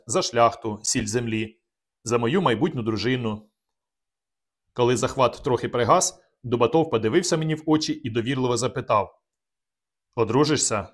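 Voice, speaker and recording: A man narrating a novel in the first person, reading in a steady, measured way. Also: medium pitch. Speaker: audiobook narrator.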